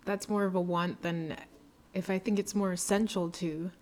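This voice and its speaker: A woman's voice: on the low side, steady tone, normal speed, darkish tone, slight background noise. A woman chatting casually in an easygoing, hedging way. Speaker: conversation card game player. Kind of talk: casual chat.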